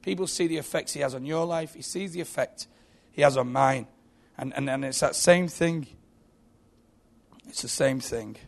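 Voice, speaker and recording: A man's voice: medium pitch, moderate pace, gravelly, pauses often. A man preaching a sermon in a church, telling stories with frequent restarts and repeated words.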